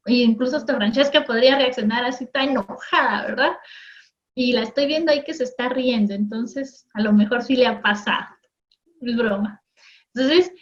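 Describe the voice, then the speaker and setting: A woman teaches a recorded television class in a friendly, conversational manner and keeps checking in with her listeners. Her voice sits a little high. The broadcast audio is dull and lo-fi. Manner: acts out everyday voices in quick asides.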